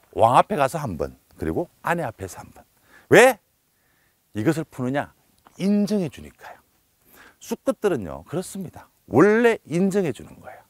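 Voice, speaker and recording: A man giving a humorous lecture, telling anecdotes in a lively storytelling manner and acting out the quotes. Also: on the high side, no echo, studio quality.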